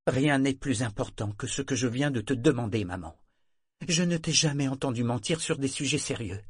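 A man reading the part of a headstrong young woman sailor who talks low and rough, with urgent insistence. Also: lively intonation, normal speed, no echo, clean studio sound. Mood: firm.

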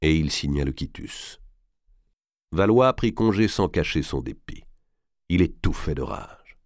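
Man, very deep voice, dry close recording, measured audiobook narration. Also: big pitch swings, a little mellow, dry recording. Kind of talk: scripted narration.

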